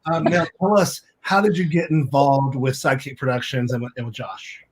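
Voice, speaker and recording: A man's voice: mid-range voice, fairly even intonation, moderate pace, a little hiss or hum. A man co-hosting a casual online show, asking a guest questions with friendly stumbles and restarts. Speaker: co-host.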